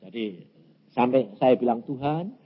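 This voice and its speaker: A man's voice: medium pitch, very animated, moderate pace, slightly rough. A man in his eighties with a Javanese accent, preaching a story-filled sermon and acting out dialogue in many voices. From Indonesia. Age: 80s. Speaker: evangelist preacher. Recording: muffled lo-fi sermon recording.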